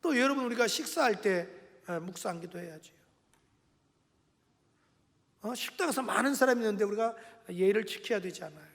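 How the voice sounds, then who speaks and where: A man preaching a passionate sermon as senior pastor, swinging between loud cries and quiet asides and often calling out to the congregation. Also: high voice, expressive, brisk, creaky, pauses often, in a large hall. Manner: addresses the congregation often, tag questions. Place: church sanctuary.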